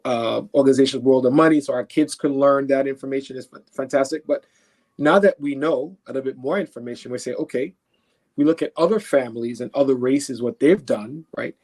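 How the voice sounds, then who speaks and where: An earnest Haitian man, a guest in an interview, answers questions conversationally in a mid-pitched, slightly mellow voice. He restarts and repeats words as he thinks and keeps checking in with the listener.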